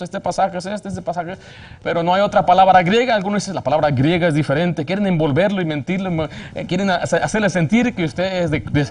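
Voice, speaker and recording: A man's voice: sits high, darkish tone. A man preaching a sermon fervently, asking rhetorical questions and often restarting his phrases. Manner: frequent restarts and self-corrections.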